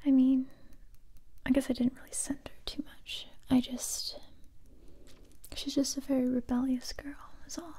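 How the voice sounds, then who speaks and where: In this close-mic ASMR roleplay, a young adult performer voices a survivor turned kind, wary interrogator, using a breathy, even whisper near the listener. Her voice is high, her pace slow and hesitant, and she sounds wistful and worried.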